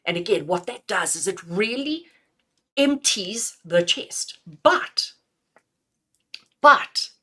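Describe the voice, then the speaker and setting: Lively woman guiding breathing exercises. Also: on the low side. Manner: animated, laughs often, counts slowly and calmly. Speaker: spiritual healer leading a breathing exercise. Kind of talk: live guided breathing lesson.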